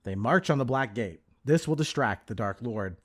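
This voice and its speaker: A man's voice: mid-range voice, animated, normal speed, a bit bright, faint music behind. A man co-hosting a podcast, recapping and discussing a film in a casual way. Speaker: podcast co-host.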